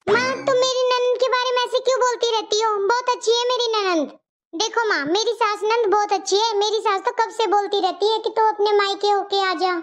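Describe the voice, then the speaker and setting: A woman voicing a caring young married woman in a cartoon story, earnest and pleading. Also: very high voice. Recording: dull lo-fi audio.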